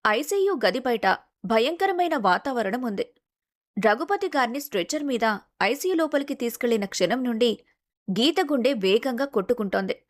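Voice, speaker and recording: A woman narrating a scripted family drama in a steady storytelling manner. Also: fairly high pitch, moderate pace.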